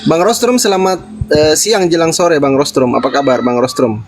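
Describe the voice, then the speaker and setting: A man's voice: fairly high pitch, moderate pace. A man moderating an online debate, politely greeting each guest.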